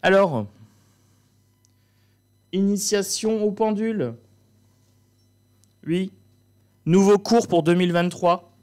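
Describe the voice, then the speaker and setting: A man's voice: sits high, steady tone, slow, long pauses, a little mellow. A man hosting, playing a mock-stern schoolteacher in a comic, theatrical way. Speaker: host. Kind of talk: comic teacher role-play.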